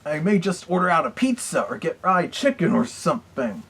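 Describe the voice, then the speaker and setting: A man voicing a boastful cartoon wolf villain who reviews old read-alongs, chatting in a gravelly, chuckling way. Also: on the high side, very animated, normal speed, a bit bright, exaggerated voice. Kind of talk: comedic character review.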